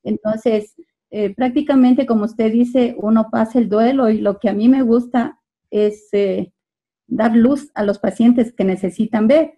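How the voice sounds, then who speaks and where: Hesitant Ecuadorian woman with a mellow voice. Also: a little high, dull audio. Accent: Ecuadorian Spanish. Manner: hesitant, with many "eh" pauses. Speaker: optometrist asking a question in a webinar.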